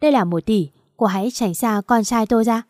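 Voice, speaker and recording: A cold, domineering older mother from a spoken story, curt and stern, barking short orders, read by a woman narrator. Her voice is mellow and low in brightness, heard close and dry. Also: brisk, dry recording, natural voice.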